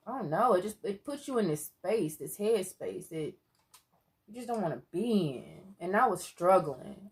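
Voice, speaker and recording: A woman co-hosting a seafood eating video, chatting casually and earnestly about her relationship, and at times breaking into loud exclamations. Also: on the low side. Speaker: mukbang co-host. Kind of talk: casual chat while eating. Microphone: close mic for eating sounds.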